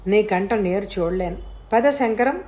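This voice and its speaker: A woman voicing a doting old father who pleads gently and affectionately, in a storybook reading. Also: mid-range voice, a little slow, natural voice. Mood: tender. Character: doting old rich father, tearful and tender.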